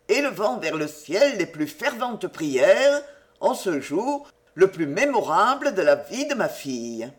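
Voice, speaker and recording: A reader doing a pompous solemn old-school rector. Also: medium pitch. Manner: pompous, sermonizing, slow and solemn. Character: pompous solemn middle-aged male rector.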